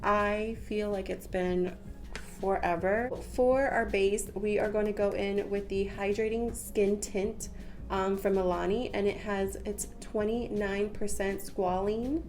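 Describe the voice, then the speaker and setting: Speaking a little slowly in a mid-range, slightly mellow voice with fairly even intonation, a stuffy young woman rambles through a casual makeup tutorial, filling gaps with "um" and "like." The beauty vlogger has a cold and sits in a small home room against patterned wallpaper. A close camera frames her head and shoulders.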